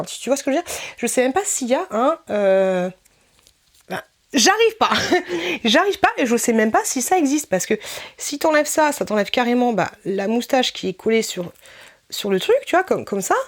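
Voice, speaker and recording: Woman vlogger, casual product review, chatty and informal, frequent laughs, talks straight to the viewer. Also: a little high. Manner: chatty, informal, laughs often, many fillers and repeats; addresses the viewer as tu.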